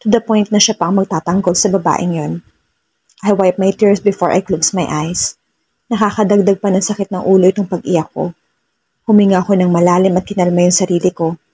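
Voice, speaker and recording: A woman narrating a romance story in the first person, soft-spoken and switching between Tagalog and English. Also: on the low side, fairly even intonation, fairly quick, slightly rough.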